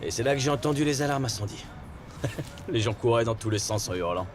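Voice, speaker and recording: An actor playing a wry, watchful police patrol officer in a crime drama, talking in a matter-of-fact way. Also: male voice, medium pitch, expressive, fairly quick, over music, lightly acted. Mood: amused storytelling. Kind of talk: French-dubbed crime drama dialogue.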